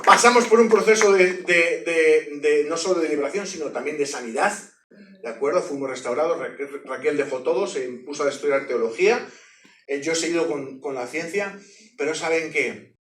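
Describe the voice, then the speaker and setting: A man with a fairly high voice speaks at normal speed, preaching his testimony with jokes and sound effects in an animated style. The distant mic in an echoey hall adds a little hiss or hum.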